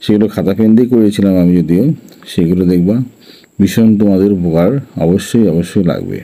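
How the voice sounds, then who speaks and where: A man teaching an English phonics lesson, spelling out letters one by one and then sounding each syllable slowly. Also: sits low, animated, dark tone, rough recording.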